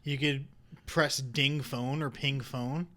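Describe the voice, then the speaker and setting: A man's voice: mid-range voice, steady tone, slow pace, sharp tone. A man, co-hosting a casual podcast, laid-back and swearing casually. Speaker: podcast co-host. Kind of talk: casual chat.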